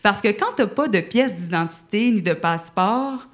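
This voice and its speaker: A young woman with a Quebec French accent, from the Outaouais region, tells her own story aloud. She is lively and self-mocking, and acts out the things she said along the way. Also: medium pitch, moderate pace. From Quebec, Canada. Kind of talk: personal storytelling.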